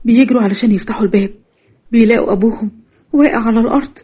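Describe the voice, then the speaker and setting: Egyptian woman storyteller, quick and breathy, dull lo-fi sound. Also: a little high. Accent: Egyptian Arabic. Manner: expressive, dramatic. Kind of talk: dramatic story narration.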